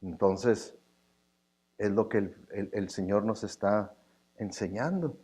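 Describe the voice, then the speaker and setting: A man's voice: on the low side, slow, mellow, husky. A man preaching a sermon in a conversational way, with joking asides, often checking in with the congregation. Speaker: pastor.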